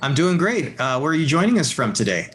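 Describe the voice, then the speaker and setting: A man's voice: fairly high pitch, very animated, fairly quick, a bit bright. Courteous male webinar host. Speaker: panel host. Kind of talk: webinar moderating. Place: remote online panel.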